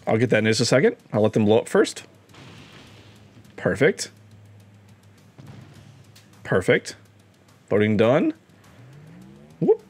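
A man's voice: on the low side, wildly swooping pitch, a little fast, long pauses, a little mellow, soft background music. A young man casually commenting on his gameplay, playful and given to mock-dramatic exclamations. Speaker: let's play gamer.

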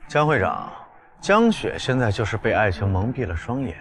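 A man's voice: on the low side, big pitch swings, normal speed. An actor in his thirties playing a scheming, greedy villain in a drama.

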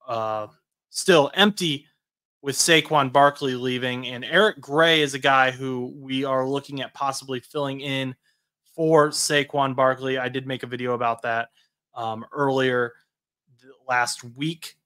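A man's voice: on the high side, sharp tone. A man co-hosting a sports podcast, chatting casually about football news with frequent fillers and restarts. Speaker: podcast co-host.

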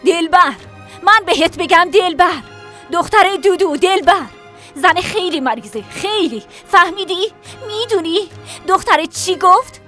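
A woman's voice: very high-pitched, lively intonation, bright, forceful tone, faint music behind, exaggerated voice. A woman dubbing an angry young adult daughter accusing her father. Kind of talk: Persian dub of a TV drama.

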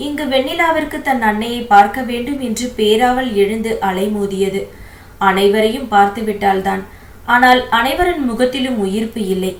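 A woman's voice: a little high, moderate pace. Woman reading a novel aloud, roomy sound. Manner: steady, even storytelling. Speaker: narrator. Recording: echoey room with faint hiss.

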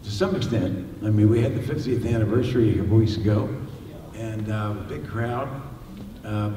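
Older man, panelist, lowish voice, halting speech, far from mic, echoey hall. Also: dark tone, slight background noise. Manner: halting, many fillers and restarts. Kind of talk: panel discussion answers. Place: large library hall with audience.

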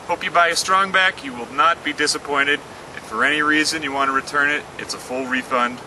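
A man, the inventor, presenting and demonstrating his product in an earnest pitch, talking through each movement. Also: a little fast. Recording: slightly distant mic, faint outdoor noise.

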